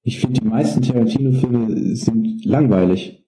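Dark man in a roomy echo. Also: medium pitch, normal speed. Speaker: podcast co-host. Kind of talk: casual chat.

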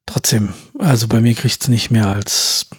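Male podcast co-host, husky and dry, rambling casual review talk. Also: lowish voice, measured pace, no room sound. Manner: rambling, trails off, slangy. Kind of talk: casual film review chat.

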